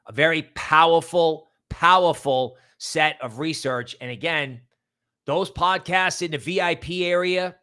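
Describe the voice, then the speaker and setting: A man hosts a casual livestream, chatting in a rambling, emphatic way, repeating words for stress while shouting out viewers and promoting things. His voice is fairly high, pushed and bright with a clean tone, and he speaks a little slowly.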